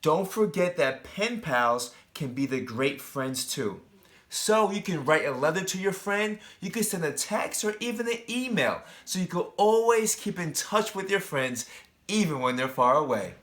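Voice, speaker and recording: A man who teaches is reading a picture book to young kids, pausing for friendly remarks and questions put directly to them. His slightly high, slightly bright voice has a lively intonation and an unhurried pace.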